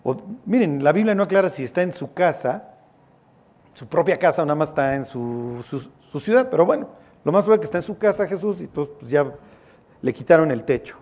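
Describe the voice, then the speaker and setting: A man's voice: a little high, animated, fairly quick, darkish tone. A man with a Mexican accent preaching a sermon as a pastor, in a casual, joking, storytelling way with slang.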